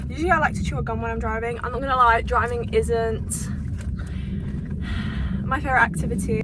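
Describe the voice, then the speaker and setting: A young woman chats in a casual vlog, dropping "like" into nearly every line. Her voice is a little high, and heavy background noise surrounds her.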